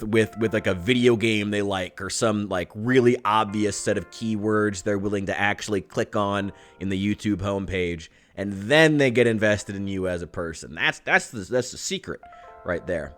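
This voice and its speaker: A man's voice: lowish voice, sharp tone. A man in his thirties talking straight to camera in a candid, rambling vlog monologue, swearing freely and poking fun at himself. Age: 30s. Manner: candid, rambling, profane, self-deprecating. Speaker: YouTuber.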